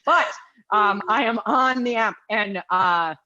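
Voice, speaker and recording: A woman co-hosts a casual podcast chat with dry, sardonic wit. Her voice sits at a middle pitch. The recording sounds a little dull and lo-fi. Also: slow pace, bright, forceful tone, no room sound. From United States. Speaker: podcast co-host.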